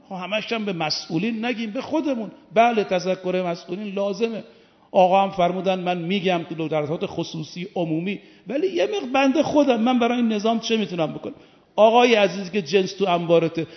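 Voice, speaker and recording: A high-pitched male cleric preaching a mourning-season sermon, slowing right down on key phrases and then swelling with emphasis. His voice rings through a large hall with a long echo. The recording sounds dull and lo-fi. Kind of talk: Muharram sermon.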